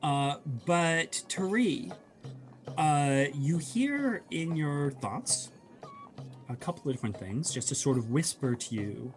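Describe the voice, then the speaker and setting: A man narrating a tabletop game as game master, soft-spoken and hesitant, with many fillers. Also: fairly high pitch, expressive, takes it slowly, soft background music.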